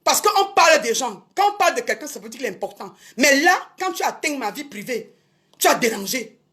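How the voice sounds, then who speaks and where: A show business promoter speaks on a Facebook live in a high, bright, forceful voice that is sing-song and fairly quick. Indignant, she repeats herself and addresses her critics head-on.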